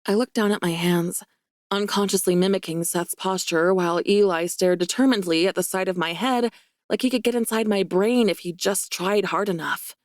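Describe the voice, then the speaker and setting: A woman giving first-person romance audiobook narration in a wry, lively, self-mocking way. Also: on the low side, no echo, studio quality.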